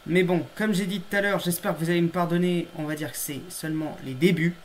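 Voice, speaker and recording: A man's voice: fairly high pitch, steady tone, brisk, slight background noise. A man hosting a casual reaction video, chatty and emphatic, often laughing at his own mistakes. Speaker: YouTube host reacting to his old episode.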